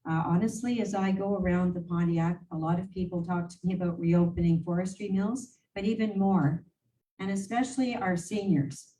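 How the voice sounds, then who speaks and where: Reporting to a meeting of mayors, this woman, a regional council warden whose first language is English, has a lowish, warm voice. She rambles in a chatty, unscripted way, full of fillers and restarts. Her voice sounds distant against faint room noise.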